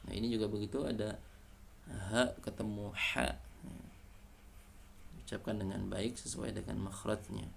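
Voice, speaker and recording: A man with an Indonesian accent teaching Quran recitation, patiently correcting letter sounds and chanting verses slowly. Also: on the low side, fairly even intonation, vocal fry, slight background noise. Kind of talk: tajwid lesson with slow chanted recitation.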